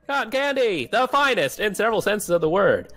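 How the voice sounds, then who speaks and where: A man's voice: high-pitched, sing-song, fairly quick, fairly bright tone, soft background music, voice pushed up, exaggerated voice. A man voicing a chirpy, folksy carnival clown vendor in a video game, boasting and selling with showman patter. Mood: boastful. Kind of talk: improvised character voice for a video game read-along.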